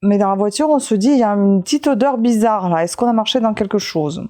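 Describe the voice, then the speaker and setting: A woman talks casually to camera, rambling from object to object with lots of restarts and self-mocking asides. Her voice is mellow and soft-edged, at an ordinary middle pitch. She sounds tired and overheated. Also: quick pace. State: hot and tired. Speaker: vlogger showing her street-find haul.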